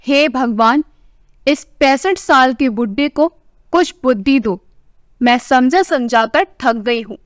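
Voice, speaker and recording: A woman voicing a sharp-tongued older wife who scolds her husband with a caring side, in a family story. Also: sits high, expressive, slow pace, dry recording, clean studio sound. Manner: scolding, tart.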